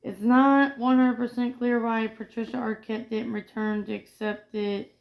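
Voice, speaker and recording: A fairly high-pitched woman co-hosts a relaxed pop culture chat, reading out film trivia and tripping over her words before correcting them. The recording sounds dull and lo-fi. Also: unhurried, gravelly. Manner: reads facts aloud, often stumbling and correcting words. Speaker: co-host.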